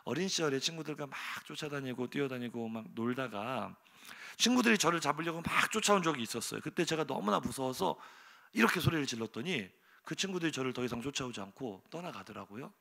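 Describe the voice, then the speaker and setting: Quick-paced and medium-pitched with vocal fry, a middle-aged pastor energetically tells a story from the pulpit of a church sanctuary. He bursts into loud exclamations and throws rhetorical questions at the congregation.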